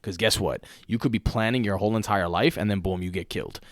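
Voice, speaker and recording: A man in his late twenties co-hosting a podcast, chatting casually in an animated, profane, slangy way. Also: on the low side, quick pace, dry recording. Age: late 20s. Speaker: podcast co-host.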